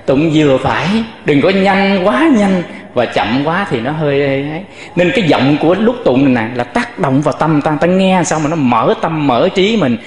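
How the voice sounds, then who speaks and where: Male monk teacher, slightly high voice, patient sermon delivery, roomy echoing hall with long reverb. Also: lively intonation, normal speed. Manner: explains patiently, often addressing listeners directly, demonstrates chant tones. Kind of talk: dharma talk with chanting demonstrations.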